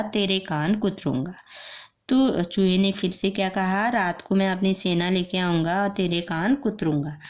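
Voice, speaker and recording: A woman school teacher slowly spelling out a children's reading lesson syllable by syllable, repeating each word after she builds it. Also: mid-range voice, darkish tone. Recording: muffled lo-fi recording.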